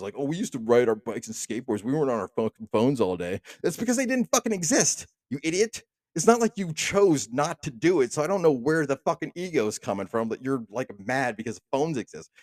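A man's voice: medium pitch, darkish tone, dry recording. A man in his thirties hosting a solo podcast, delivering a profane, rambling rant full of restarts. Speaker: podcast host. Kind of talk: casual solo monologue.

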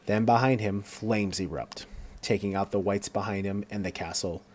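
A man's voice: fairly low pitch, steady tone, moderate pace, a little mellow, a little hiss or hum. A man giving a casual scene-by-scene recap of a TV episode, reading along with fillers and stumbles. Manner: reads along with fillers and self-corrections.

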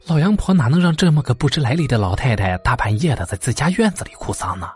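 Husky man telling a lively folk-horror story. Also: medium pitch, fast. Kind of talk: dramatic folk-horror narration. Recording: faint background music.

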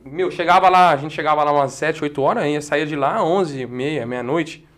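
A man with a São Paulo interior Brazilian accent, a guest chatting casually and laughing often about narrating football. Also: a little high. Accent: Brazilian Portuguese, São Paulo interior. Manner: fast, animated, laughs often. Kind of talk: casual podcast chat.

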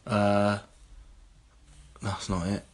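A man's voice: on the low side, completely flat delivery, very slow. A man, co-hosting a casual podcast chat, rambling and laughing often as he reads out listener emails. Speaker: podcast co-host.

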